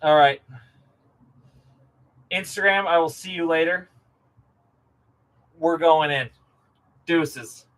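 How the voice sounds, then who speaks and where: A man with a fairly high, bright voice hosts a livestream slowly, pausing often. He hypes things up in casual showman style, repeating phrases for emphasis, on an obviously noisy live stream recording.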